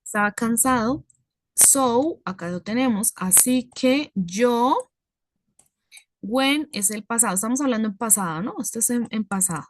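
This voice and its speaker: A woman's voice: on the high side, expressive, unhurried, no room sound. A woman teaching an English class, explaining patiently step by step and checking in with her students.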